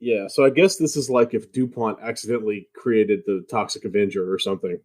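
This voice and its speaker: A man's voice: lowish voice, fairly quick. A man co-hosting a film podcast, making wry jokes in casual chat. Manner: wry, joking, lively. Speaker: podcast co-host.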